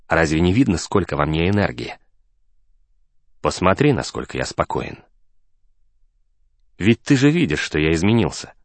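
A tranquil, wise man speaking slowly and softly in a storybook, his voice sunk very low, as a male narrator puts him on. The tone is measured and unhurried. The sound is dry and close. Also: no room sound. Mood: serene. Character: calm, serene middle-aged man, renewed and wise.

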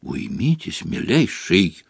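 A man's voice: mid-range voice, very animated, slow pace, no room sound, pitched above the performer's own voice. A man voicing a fretful, blustering male government minister. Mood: barking. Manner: blustering, gloomy.

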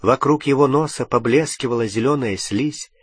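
A man reading an audiobook narration in an even, measured manner. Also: mid-range voice, husky, no room sound, clean studio sound.

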